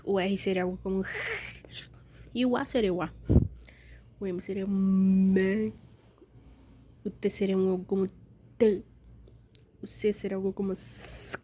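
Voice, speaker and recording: A woman's voice: medium pitch, steady tone, a little slow, long pauses, mellow. A woman giving a casual grammar lesson, chatty and informal, fixing her own slips as she goes. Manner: informal, calls the listener "cara", corrects herself aloud. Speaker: grammar teacher.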